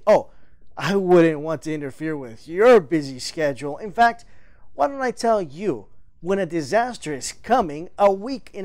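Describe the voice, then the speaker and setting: A man's voice: high-pitched, darkish tone. An actor playing an exasperated disaster-shelter leader scolding his late team. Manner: sarcastic, scolding.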